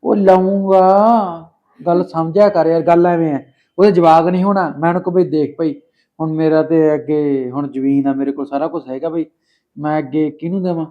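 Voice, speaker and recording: A man's voice: on the high side, fairly even intonation, moderate pace. Coaxing man, lo-fi sound. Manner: coaxing, sweet-talking. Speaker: actor playing a married man courting another woman. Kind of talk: Punjabi short film acting.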